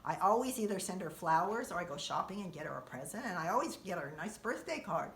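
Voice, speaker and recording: A woman telling a comic monologue about her daily life, acting out quoted lines in a sudden high, loud voice. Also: very animated, quick pace, distant mic, slight background noise. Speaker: comedian. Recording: echoey room.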